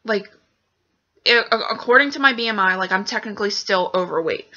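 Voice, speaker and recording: A woman's voice: a little high, sharp tone. A young woman venting frankly in a vlog, swearing often and full of fillers. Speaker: vlogger. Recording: dull lo-fi webcam audio.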